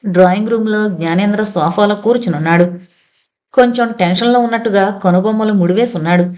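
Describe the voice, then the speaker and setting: A woman's voice: mid-range voice, fairly quick, darkish tone. Woman narrating an audio novel. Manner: reads all characters herself, quoted lines lightly voiced.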